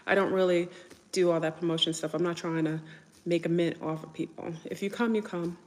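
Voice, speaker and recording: A woman's voice: fairly low pitch, fairly even intonation, a little fast, a little mellow. Chatty New woman, reverberant room. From New York. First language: French. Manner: rambling, chatty, answers viewer comments. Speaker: livestream host. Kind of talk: casual livestream chat.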